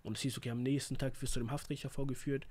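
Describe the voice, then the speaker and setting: A young man with telling a real-life story in a casual, animated way, acting out the lines of the people in it. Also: mid-range voice, racing. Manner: slangy, animated, acts out quoted lines.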